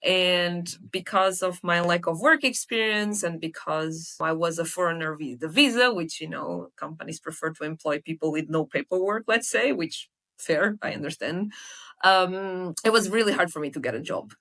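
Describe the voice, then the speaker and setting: A young woman from Portugal, a sales hiring expert, telling her story in a lively, conversational interview with many fillers. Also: lowish voice, normal speed. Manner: lively storytelling with frequent fillers and self-corrections.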